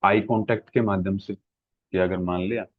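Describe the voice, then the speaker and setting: Low-voiced male teacher, dry phone-like sound. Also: fairly even intonation, normal speed, no room sound. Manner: explains with everyday examples, frequent "ठीक है" checks. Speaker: exam-prep teacher. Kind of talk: classroom lecture.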